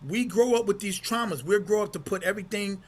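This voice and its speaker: A man who organizes a men's round table speaks on a casual panel, his voice pitched a little high. He talks earnestly and poses questions to the others. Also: fast.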